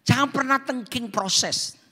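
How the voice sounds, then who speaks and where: A male pastor preaching a dramatic, playful sermon, swinging from loud bursts to hushed asides, in a church auditorium. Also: very high voice, takes it slowly, husky. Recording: echoey hall with faint music.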